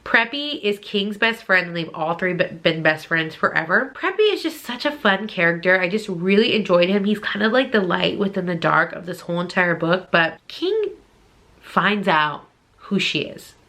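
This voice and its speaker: On her vlog, a woman book reviewer and channel host chats casually, gushing informally and repeating herself for emphasis. Her voice sits fairly low with lively intonation, a fairly bright tone, and a normal speed.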